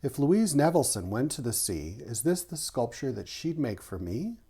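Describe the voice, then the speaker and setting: With a relaxed, mellow voice and animated pitch, a man who is an author, artist and art teacher reads a children's picture book at a moderate pace. He holds a clear rhythm through the rhyming verse and adds short explanations as a teacher would.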